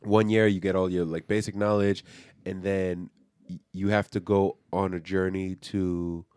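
A young man co-hosting a podcast, recapping a comic in casual chat, animated and swearing, acting out the characters as he goes. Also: low-pitched, a little slow, clear, resonant tone, no echo. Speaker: podcast co-host.

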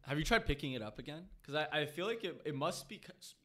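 A young adult man whose first language is Russian guests on a podcast, chatting casually and telling stories with heavy slang, laughing even though he sounds tired. His voice is on the high side, sharp, fast, and lively in intonation.

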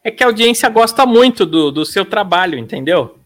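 A man's voice: high-pitched, lively intonation, fairly quick, a bit bright. A man with a Brazilian Portuguese accent, co-hosting a podcast, teasing his partner and reading out listener messages in casual banter. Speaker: podcast co-host.

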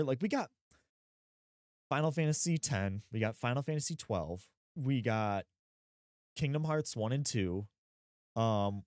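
A man's voice: mid-range voice, a little mellow, no echo, studio quality. A man in his thirties co-hosting a gaming podcast, chatting casually with rambling asides, fillers and laughs. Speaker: podcast co-host. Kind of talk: casual chat.

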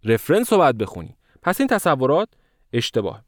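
Male IELTS tutor, casual and animated, mid-pitched voice, dry close recording. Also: dry recording. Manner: lively, mocking quotes of common misconceptions. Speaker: IELTS teacher. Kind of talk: casual video lesson.

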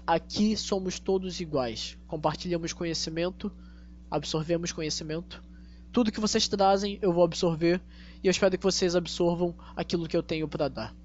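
A Brazilian man hosting a casual monologue to his listeners, speaking with a tongue-tied, slushy s and deliberate, repetitive phrasing. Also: high voice, steady tone. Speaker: podcast host. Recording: dull lo-fi audio, faint hum.

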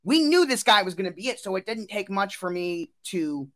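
A man co-hosting a casual sports podcast, eager and quick to quote stats and make bold takes. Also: high voice, big pitch swings, a loud crowd. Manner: eager, stat-quoting, builds up bold takes. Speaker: podcast co-host.

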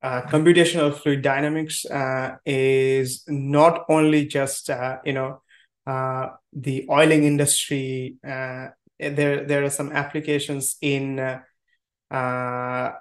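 A man hosts an interview podcast in conversational style, his mid-range voice slow and fairly flat in pitch. He hesitates often, leaning heavily on "uh" fillers, and the recording has an echoey room sound.

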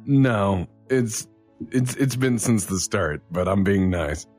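Low dry guy at a tabletop game, wry comments, faint music under it. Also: expressive, takes it slowly, darkish tone. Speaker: player. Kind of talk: casual tabletop play.

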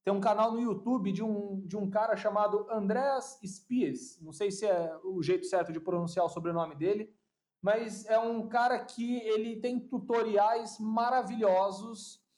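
Male podcast guest, high voice, casual, halting and repetitive delivery. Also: a little mellow. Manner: hesitant, repeats words while searching for them.

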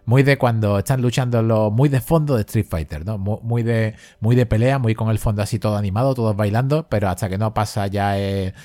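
A man's voice: lowish voice, a little fast, few pauses, mellow, no room sound. A man from Spain co-hosting a casual film discussion, rambling with many fillers and restarts. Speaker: podcast co-host.

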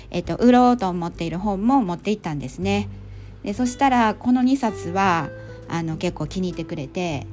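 A middle-aged woman with a Kansai accent chatting casually through a monologue recap, with plenty of fillers and relaxed phrasing. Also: medium pitch. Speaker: storytelling volunteer and podcast host.

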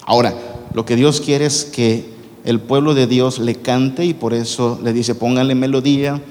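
A man's voice: mid-range voice, fairly even intonation, unhurried, darkish tone. A man preaching a sermon to a congregation in a conversational way, asking them questions as he talks. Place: large church hall. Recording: long reverb from a large hall.

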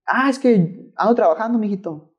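A woman's voice: medium pitch, expressive, normal speed, lo-fi sound, pitched above the performer's own voice, lightly acted. A man voicing an elderly village healer woman, friendly and motherly in how she talks. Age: older. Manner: friendly, calls him "mijito".

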